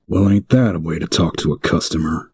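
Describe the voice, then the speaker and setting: Deep-voiced Jonah Hex, grizzled bounty hunter, played by a man. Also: a little fast, darkish tone, a little hiss or hum, lightly acted. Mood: gruff, wry. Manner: laconic, wry, tough-talking. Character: grizzled, cocky male Wild West bounty hunter. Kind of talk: first-person audio drama narration.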